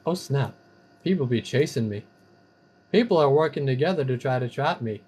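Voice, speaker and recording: A man's voice: mid-range voice, lively intonation, moderate pace, darkish tone, husky. A man giving casual, playful commentary while playing an online game, breaking into sing-song chants and silly catchphrases. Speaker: gamer streamer.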